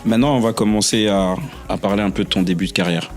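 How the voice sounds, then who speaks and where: Man, deep voice, podcast host, short questions, faint music under. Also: fairly even intonation, quick pace. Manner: brief backchannel, short structured questions. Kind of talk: interviewer questions.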